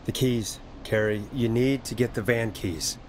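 An actor playing a steady, concerned American late-night radio DJ in a video game, measured, sober and reassuring. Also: male voice, mid-range voice, slight background noise, natural voice. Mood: steadying, urgent.

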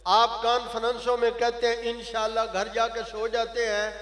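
A man's voice: very high-pitched, monotone. An older man preaching an impassioned sermon at a mosque gathering, exhorting the crowd and calling on them to answer aloud. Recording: echoey hall over loudspeakers.

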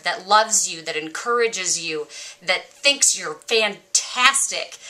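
A woman's voice: medium pitch, pushed and bright. A woman fitness vlogger talking casually and earnestly to her viewers about motivation. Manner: earnest, encouraging. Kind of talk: casual motivational talk to camera.

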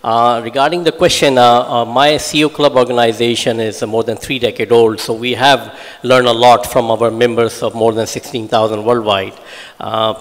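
On a large conference hall stage, a man answers as a panelist into a handheld mic, formal and hesitant with frequent fillers. His mid-range voice barely moves in pitch and keeps a moderate pace. The hall is reverberant.

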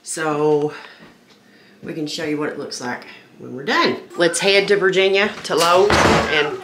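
A woman's voice: low voice, a little slow, a bit bright, a little hiss or hum. A woman, a mother chatting casually in a family vlog and talking sweetly to her small daughter.

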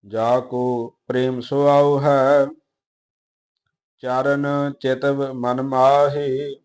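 A man reciting scripture slowly in a measured chant, with quick, quieter spoken notes on pronunciation. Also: mid-range voice.

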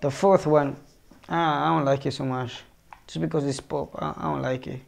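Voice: medium pitch, steady tone, normal speed, vocal fry. A music reaction streamer giving casual, profane commentary, thinking aloud and often unsure of themself.

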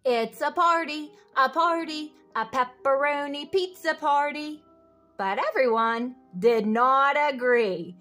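A woman with a high, bright, forceful voice reads a children's picture book aloud slowly and expressively. She hosts the read-aloud with sing-song refrains and little questions for young listeners, while soft music plays.

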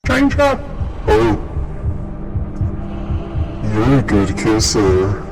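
A man's voice: on the low side, huge pitch swings, extremely slow, a little mellow, pitched below the performer's own voice, heavily acted. A man talking through a voice changer while joking around with a friend, saying silly, exaggerated, flirty lines. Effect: voice changer distortion.

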